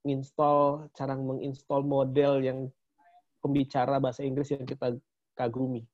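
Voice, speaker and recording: A man's voice: medium pitch, monotone, normal speed, darkish tone. A man co-hosting a casual promotional chat about a training, chatty and laughing often. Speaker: co-host of a training talk. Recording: dull lo-fi sound.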